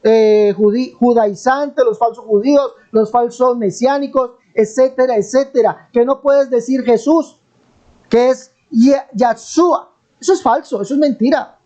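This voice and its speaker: A man's voice: very high-pitched, mellow. A Colombian man with a Colombian accent teaching the Bible in a live online debate, pressing his point and repeating his question insistently. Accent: Colombian Spanish. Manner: preachy, emphatic, drawn-out stresses.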